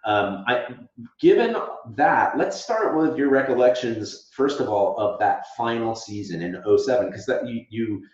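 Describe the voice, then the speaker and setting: A man's voice: mid-range voice, animated, measured pace, roomy sound. A man hosting a podcast interview over a video call, chatty and stop-start, his voice tinny from the wrong microphone. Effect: tinny sound from the wrong microphone. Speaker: podcast host.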